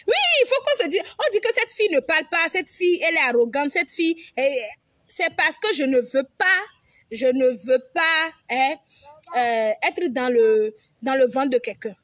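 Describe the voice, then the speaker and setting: Young woman vlogger, high-pitched, preachy and foul-mouthed, lecturing her audience. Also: animated, normal speed, fairly bright tone, no echo, studio quality. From Togo. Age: young adult. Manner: emphatic, repetitive, preachy; blunt, swears freely. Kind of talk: direct-to-camera advice monologue.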